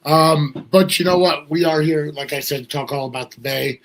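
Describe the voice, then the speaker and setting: A man's voice: fairly high pitch, moderate pace, slight background noise, low-quality recording. A man from the US Northeast hosting a casual talk show, his voice not quite at full strength. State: voice slightly off, not fully recovered. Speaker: podcast host.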